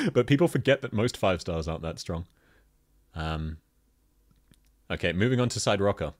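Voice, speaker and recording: A gaming video host with a thick Australian accent gives casual commentary while reviewing game outfits. He's chatty, laughs often, and his pitch jumps around in a lively way.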